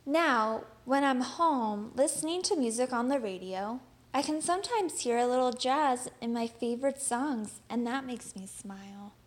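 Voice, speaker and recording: A woman reads a children's picture book aloud, telling the story expressively in a slightly high voice at a moderate pace.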